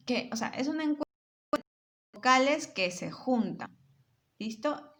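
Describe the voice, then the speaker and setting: A woman teacher giving a grammar lesson to children, often checking in with short tag questions and sounding words out syllable by syllable. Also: a little high.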